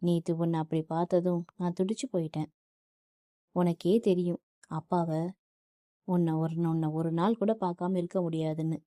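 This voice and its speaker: A soft-spoken father calms his crying daughter with patient, tender words. A woman reads him in a mellow, dry audiobook voice. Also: lowish voice, moderate pace, pauses often, no echo, natural voice. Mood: gentle reassuring. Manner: calm, reassuring. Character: middle-aged man, gentle soothing father.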